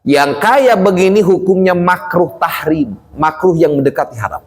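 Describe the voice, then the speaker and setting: Joking cleric in a reverberant mosque. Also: male voice, sits high, animated, normal speed. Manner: joking, colloquial, acts out little scenes. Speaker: Islamic cleric teaching fasting law. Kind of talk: humorous religious lesson. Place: mosque hall. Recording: long hall reverb.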